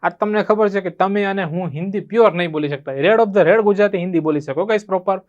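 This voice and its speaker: A man's voice: sits high, fast, a little mellow, dull audio. A man teaching spoken English with a Gujarati accent, explaining grammar and constantly checking whether students have understood. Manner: asks students rhetorical check questions.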